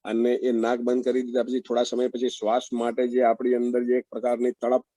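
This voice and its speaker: Speaking in a completely flat yet warm mid-range voice, with no echo, a man facilitates an interactive video-call lesson. He goes slowly, questions the group, and often murmurs agreement with their answers.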